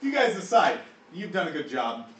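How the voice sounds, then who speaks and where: Lively game master, man, laughs a lot, far-off roomy sound with faint ambience. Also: a little high, moderate pace, slight background noise. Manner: animated, laughing storyteller. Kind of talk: narrating a tabletop game. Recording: echoey room from far off.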